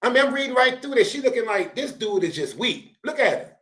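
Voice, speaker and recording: A man gives animated, slangy reaction commentary, lecturing in loud bursts. His voice sits fairly high for a man. The recording has a roomy echo around it. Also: quick pace. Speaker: show host reacting to a dating clip.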